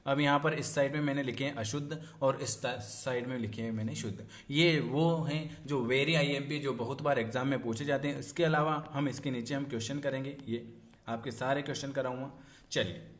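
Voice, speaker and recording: A man teaching an exam prep lesson, repeating words and spelling them out slowly. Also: medium pitch, steady tone.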